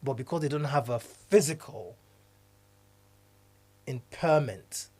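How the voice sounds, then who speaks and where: Nigerian-born male podcast co-host, earnest and halting, in relaxed conversation. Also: medium pitch. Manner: earnest, repeats and restarts phrases, laughs often. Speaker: podcast co-host, diversity consultant. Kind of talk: casual chat.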